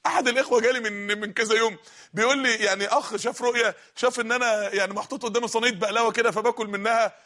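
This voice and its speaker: High, rapid-fire Egyptian male preacher. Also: steady tone. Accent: Egyptian Arabic. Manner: fervent, fast, sometimes shouting. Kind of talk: impassioned sermon.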